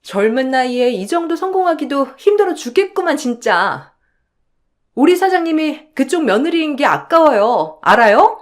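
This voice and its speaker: A woman voicing an outspoken young restaurant employee who loudly defends her boss. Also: sits high, very animated, normal speed, pitched above the performer's own voice. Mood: indignant. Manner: loud, indignant defending.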